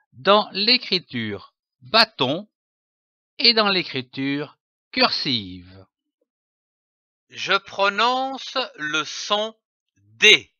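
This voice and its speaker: Slow, deliberate man teaching phonics. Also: fairly high pitch, sharp tone, dry recording. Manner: spells out letters and syllables carefully. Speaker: reading teacher. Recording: dull, dry lo-fi voice-over.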